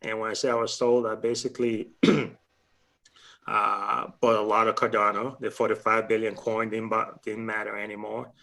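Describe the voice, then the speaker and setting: A man from Liberia with a Liberian accent, talking on a panel in a relaxed, hesitant way with many fillers. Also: fairly low pitch, moderate pace. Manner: hesitant, many fillers, clears throat often. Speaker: panelist, stake pool operator. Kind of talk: casual panel talk.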